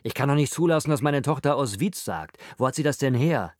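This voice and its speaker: A man's voice: mid-range voice, animated, quick pace, darkish tone, no room sound, clean studio sound, voice pushed up, natural voice. A man doing a blustering, scolding father. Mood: indignant.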